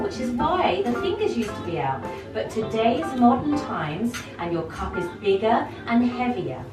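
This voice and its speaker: Female etiquette instructor, prim and gently encouraging, recorded at a distance with loud music and clinking china. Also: fairly high pitch. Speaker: etiquette teacher. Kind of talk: instructional talk to a young group. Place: echoey indoor tea room with clinking china. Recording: echoey room, distant mic, loud music, clinking dishes.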